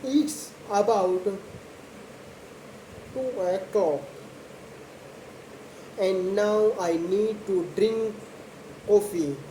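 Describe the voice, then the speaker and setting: Very slow-talking woman, non-native English. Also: medium pitch, warm tone. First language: not English. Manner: very slow, deliberate talking with simple short phrases and long pauses. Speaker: host of a slow English speaking practice video. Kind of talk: slow spoken monologue about a daily routine for English learners. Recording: echoey room with faint background noise.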